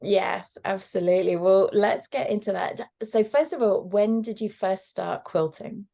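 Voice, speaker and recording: A woman's voice: mid-range voice, a little slow, gravelly, mellow. A woman hosting a video-call interview, asking a guest questions and encouraging her along. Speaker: interview host.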